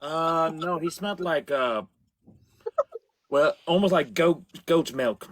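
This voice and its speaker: Halting man bantering in pirate character. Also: a little high. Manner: halting, searching for words. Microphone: voice call.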